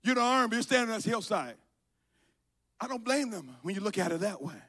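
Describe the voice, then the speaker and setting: A middle-aged pastor from Liberia preaching a sermon, dropping to quiet storytelling and rising to shouted calls. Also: male voice, high-pitched, sing-song, a little fast. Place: church sanctuary.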